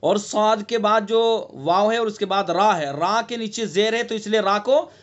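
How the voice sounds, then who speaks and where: A male recitation teacher giving an online lesson, explaining patiently and breaking into long drawn-out chanted recitation. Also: high voice, highs cut off. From India.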